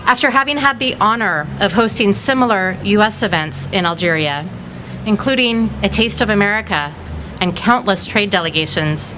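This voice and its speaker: A woman diplomat giving a poised, formal opening speech. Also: medium pitch. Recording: background noise at a public event.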